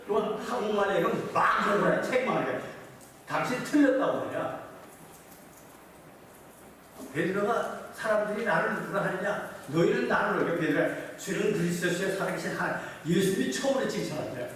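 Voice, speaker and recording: A man's voice: high-pitched, fairly quick, a bit bright. A man preaching a sermon as pastor, often putting yes-or-no questions to the congregation. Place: church sanctuary. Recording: echoey hall, voice from far off, faint noise.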